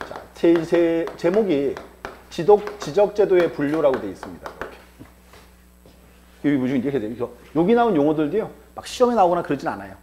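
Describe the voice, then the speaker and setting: A male lecturer leads an exam-prep class, posing rhetorical questions, answering them himself and repeating key terms for emphasis. His voice is a little high with a warm tone.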